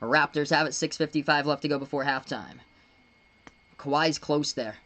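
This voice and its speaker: A young man from Massachusetts streaming live basketball play-by-play. He speeds into excited calls of the action between relaxed chats with viewers. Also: on the high side. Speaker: live-stream sports commentator. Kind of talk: live play-by-play with chat shout-outs.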